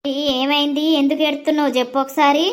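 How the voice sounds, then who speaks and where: A woman voicing a kindly older village woman who consoles and gently scolds a young bride. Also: high voice, little pitch movement, fast talker, pitched below the performer's own voice, close to an everyday voice. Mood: consoling.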